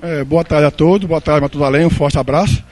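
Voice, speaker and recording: A man's voice: fairly high pitch, fairly even intonation, a little fast, darkish tone. A Brazilian man answering casually in an interview as a football coach.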